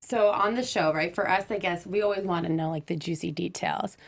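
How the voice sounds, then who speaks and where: A woman's voice: fairly low pitch, fairly quick, creaky. Bubbly young woman hosting a panel. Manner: bubbly, giggly, upbeat. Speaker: host. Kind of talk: casual panel show hosting.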